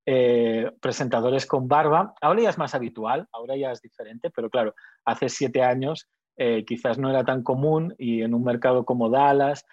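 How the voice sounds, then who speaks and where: A man in his thirties with a Spanish accent talks about his work as a TV weather presenter, stopping and restarting often with plenty of fillers. His voice is mid-pitched and close to the mic. The sound is dry and a little muffled. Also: moderate pace, a little mellow, dry recording. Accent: Spanish from Spain. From Spain. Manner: hesitant, many restarts and fillers. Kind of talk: interview answers, casual.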